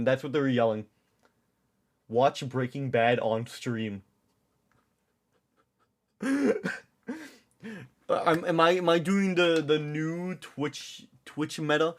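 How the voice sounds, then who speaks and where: A man livestreaming from home, telling a rambling story with lots of swearing and self-mocking jokes. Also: on the high side. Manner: rambling, profane, self-mocking, with frequent restarts.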